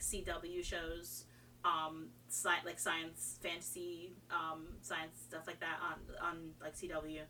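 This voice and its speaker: A podcast guest from Trinidad, who moved to America at age five, chats casually about fandom in a lowish yet bright, keen voice. She's enthusiastic and rambling, interrupting herself and doubling back on her sentences. The mic is a little far away, with faint noise and hum.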